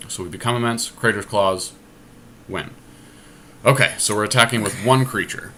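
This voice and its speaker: In an amateur screen capture with clear background noise, a podcast host talks a teammate through an online card game, reasoning out each move step by step in a casual way. His lowish voice is bright and forceful at a normal speed.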